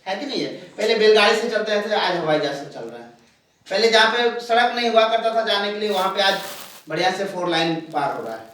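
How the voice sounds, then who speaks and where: A man with a bright, forceful voice gives a sales seminar and calls his listeners "sir" again and again. He keeps quizzing the audience. The recording is very echoey, and he sounds far from the mic. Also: sits high, expressive, fairly quick, a little hiss or hum. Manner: calls listeners "sir" often, asks them questions. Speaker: presenter. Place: large echoing room with an audience.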